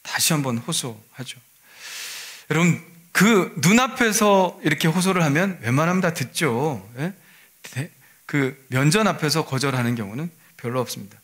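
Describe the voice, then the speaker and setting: A man's voice: medium pitch, lively intonation, moderate pace, a bit bright. A male pastor giving a sermon in a conversational way, often asking his listeners rhetorical questions.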